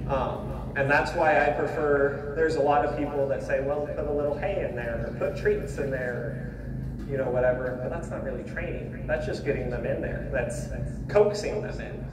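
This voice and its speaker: A distant, echoey recording with plenty of noise carries an American man's voice, pitched a little high. He is plain-spoken and folksy. He explains things casually as a horse trainer demonstrating his work. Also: moderate pace. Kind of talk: casual spoken instruction while working. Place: live horse-trailer loading demonstration. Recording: distant, echoey, noisy live demo audio.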